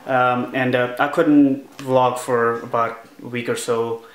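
Indoors in a small home office, a young man who makes motorcycle vlogs shows off his helmet gear in a relaxed, rambling way, dropping many uhs and ums. His voice is mid-range and slow, and the recording is rough.

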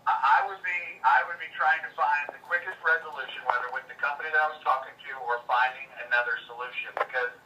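A man's voice: on the high side, fairly even intonation, fast, hardly any pauses, sharp tone. A man on a phone call, heard through a speaker and re-recorded from the room, speaking in an apologetic, placating way and stammering on restarts. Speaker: mortgage lending executive. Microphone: phone speaker picked up by another recorder. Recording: muffled distant speakerphone with faint hiss.

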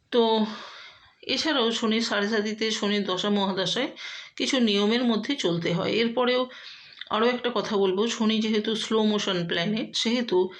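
Lady astrologer doing a horoscope video, steady explaining voice, lots of um pauses, middle pitch. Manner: steady explanatory delivery with frequent um fillers. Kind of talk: horoscope talk to camera.

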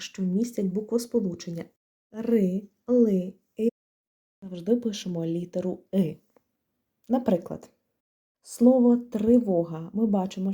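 Calm Ukrainian woman teaching grammar. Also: mid-range voice, breathy edge. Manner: calm, methodical, stresses example words. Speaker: language teacher. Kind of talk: explanatory grammar lesson.

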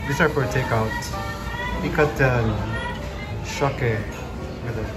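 A man's voice: medium pitch, fairly even intonation, slow. A man, casually vlogging as he reads a restaurant menu aloud on a handheld phone. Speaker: food vlogger. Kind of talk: casual vlog narration. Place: restaurant indoors. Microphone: phone held by hand. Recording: loud background music.

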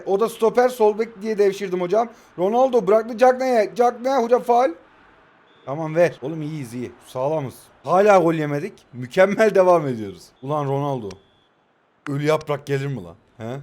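A young man in his twenties with a high voice calls his own mobile football match as it plays out. He is excitable, yells player names on every attack and curses at the game in good fun. His pitch sits well above most men's. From Turkey. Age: 20s. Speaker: mobile football gaming YouTuber. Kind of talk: live gameplay commentary.

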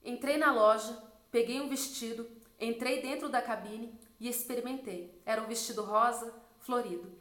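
A woman's voice: fairly even intonation, normal speed, reverberant. A woman in her twenties, a missionary, telling her personal testimony in an earnest storytelling way. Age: 20s. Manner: earnest storytelling, drops soft and low when quoting God.

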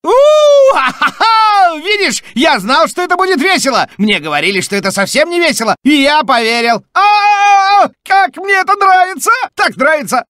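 A man voicing a chatty, nervous male robot sidekick in a dubbed video game, talking in an excitable rambling way. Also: medium pitch, unhurried, dry recording, studio quality. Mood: giddy.

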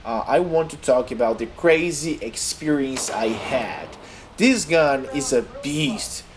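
A young Brazilian man, a native Portuguese speaker with a Brazilian accent, narrates a casual gaming vlog in earnest, slightly halting English. His medium-pitched voice is animated, and there's background noise.

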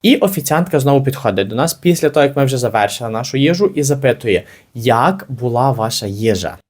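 A man teaching an English lesson, explaining phrases slowly and repeating them carefully for learners. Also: medium pitch, animated, a little mellow, breathy edge.

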